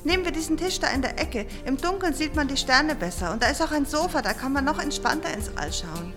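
A bubbly, high-voiced alien teen girl. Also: animated, fairly quick. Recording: music playing underneath.

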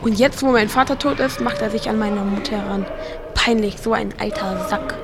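A woman's voice: medium pitch, steady tone, normal speed, natural voice. A woman voicing a teenage boy from Earth in an audio drama, with casual, slangy teen talk. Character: teenage boy from Earth, cocky but grieving. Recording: music playing underneath.

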